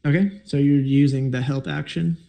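A man running a tabletop game as game master, relaxed and rambling, with many fillers. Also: mid-range voice, moderate pace, gravelly.

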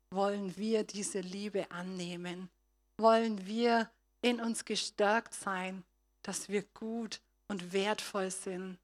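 A woman giving a sermon, retelling a story and speaking straight to her listeners, her loudness swinging between soft and strong. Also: mid-range voice. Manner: retells a story with acted voices. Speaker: preacher.

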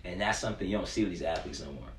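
A very low-voiced man in his twenties, a youth sports performance coach appearing as an interview guest, talks rapid-fire in an earnest, informal, slangy way, saying "you know" often. The room is echoey with faint noise beneath.

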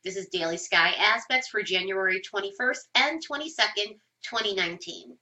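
A woman's voice: mid-range voice, normal speed, sharp tone, low-quality recording. A woman giving a casual astrology forecast with a nasal, stuffed-up voice, as if pinching her nose from a cold, explaining things informally. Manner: informal, explains with everyday examples, occasional swearing. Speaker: astrology host.

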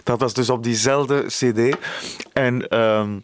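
A Flemish singer telling a studio anecdote in an interview, lively and acting out the dialogue. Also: male voice, medium pitch, slow, slight background noise.

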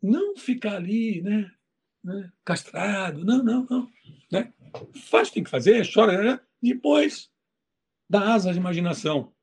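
A man who writes children's books, talking in an interview and telling stories in a lively way, acting out the voices in his anecdotes. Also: sits high, moderate pace, slightly rough. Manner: animated storytelling, acts out voices. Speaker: children's book author. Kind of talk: interview talk.

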